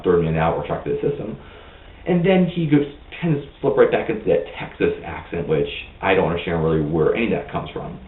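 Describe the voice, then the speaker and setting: Low voice guy ranting about a movie, kinda rambly, echoey room, tinny far mic. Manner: blunt, opinionated, rambling. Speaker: movie reviewer. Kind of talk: casual vlog review.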